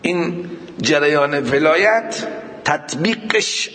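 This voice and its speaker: A man preaches a religious sermon with a somewhat high voice. He slows down to recite scripture and then talks it through plainly with his listeners. Long reverb from a hall trails each phrase. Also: animated, sharp tone, a little hiss or hum. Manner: recites scripture verses slowly, then explains them plainly; addresses the listeners directly.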